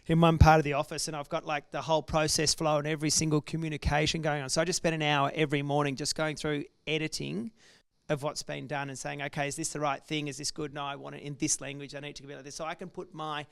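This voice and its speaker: A business owner speaks candidly to an audience, restarting his sentences as he goes. His voice is gravelly yet smooth, pitched a little high, and the sound is dry and close. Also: level tone, quick pace, no room sound. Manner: candid storytelling, many restarts. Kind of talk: casual talk to an audience.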